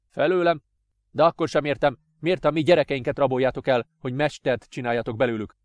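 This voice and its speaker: Guy doing a desperate dad, loud and pleading, a bit high, dry sound. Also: no room sound. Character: desperate father, man, defiant, near tears.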